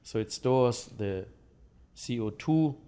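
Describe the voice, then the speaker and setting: In an interview, a man from Germany speaks with a German accent, explaining in a halting, conversational way and making sure his listener is with him. His mid-range voice is mellow, clear and resonant.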